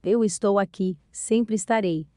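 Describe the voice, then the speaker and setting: Patient storybook mother, read by a woman, calm and reassuring, dry close sound. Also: medium pitch, no echo, natural voice. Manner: gentle, reassuring, explaining slowly. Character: a loving, patient mother explaining to her daughter.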